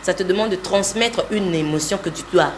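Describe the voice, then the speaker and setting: A woman's voice: fairly low pitch, normal speed, noisy background. Confident woman explaining voice-over. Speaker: voice-over artist and trainer. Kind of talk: interview conversation.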